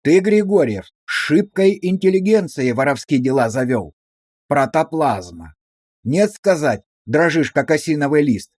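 A man's voice: on the high side, lively intonation, measured pace, a little mellow, no echo, studio quality. A man playing a stern rural police officer who speaks in curt, commanding phrases.

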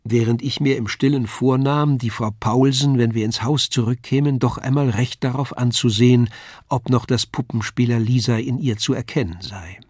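A man reading a classic novella aloud, calm and measured but expressive in his storytelling. His voice sits at an ordinary middle pitch, and the recording is dry and close with no room sound. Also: breathy edge, no echo. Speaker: audiobook reader. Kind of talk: literary audiobook reading.

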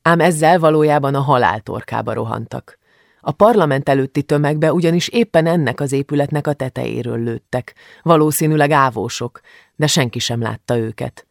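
A man reading an audiobook aloud in a measured, grave manner, recorded close to a studio mic. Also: mid-range voice, gravelly, no room sound. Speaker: audiobook narrator. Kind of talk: audiobook narration.

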